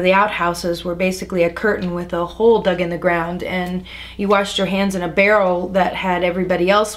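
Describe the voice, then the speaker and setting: An American woman in her forties tells old stories in a relaxed, chatty way. She fills pauses with ums and laughs easily. Her pitch sits right in the middle. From United States. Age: 40s. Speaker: interviewee. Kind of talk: relaxed reminiscing conversation.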